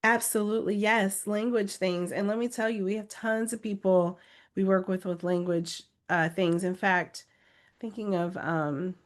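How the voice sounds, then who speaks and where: With a mid-range, steady voice that moves a little slowly, this woman runs a live video webinar for test-takers. She reads their comments aloud and, in her native English, pleads and encourages through emphatic repetition.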